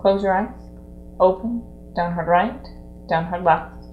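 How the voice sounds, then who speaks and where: A woman practitioner gently leading a client through an EFT tapping session, speaking short phrases for her to repeat. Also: on the low side, a little slow, echoey room, lo-fi sound, slight background noise. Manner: gentle, calm, leads phrases for repetition.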